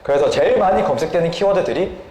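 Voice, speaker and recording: On the high side and mellow, this man's voice is animated and he talks fast. He's a software developer guesting on an interview, giving a polite explanation of a product with frequent short hums between phrases, in a roomy, echoey recording with faint background noise.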